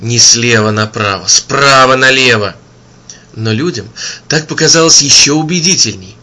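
A man reading an audiobook in an expressive storytelling manner. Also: medium pitch, moderate pace. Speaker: audiobook narrator. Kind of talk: scripted narration.

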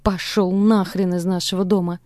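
A defiant young daughter in a rage, shouting until her voice strains, as a woman narrator acts her out. Her tone stays dark and low-set even at full force. The delivery sounds close and dry. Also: a little fast, no room sound, lightly acted. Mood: furious.

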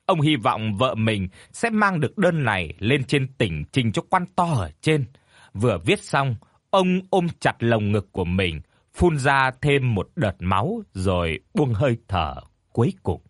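A man tells a horror story with a lively, rising-and-falling delivery and a grave, dramatic edge. His voice is slightly husky, recorded close and dry with no room sound. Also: medium pitch, unhurried, no room sound.

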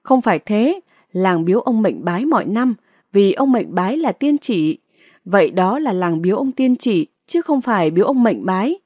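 A woman's voice: medium pitch, expressive, normal speed, no room sound, clean studio sound, close to an everyday voice. A woman narrator voicing a hot-tempered, quarrelsome male village notable. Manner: quarrelsome, shouting.

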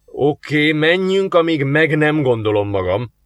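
A man's voice: mid-range voice, lively intonation, fairly bright tone, dry recording, studio quality. A man voicing a sardonic, cocky male demon in human guise, talking in a mocking, sarcastic way for an audiobook.

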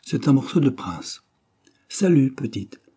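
A man voicing a jovial, boastful old bandit captain who talks in a booming, teasing, theatrical way. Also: very animated, unhurried, dark tone, breathy edge. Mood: mocking.

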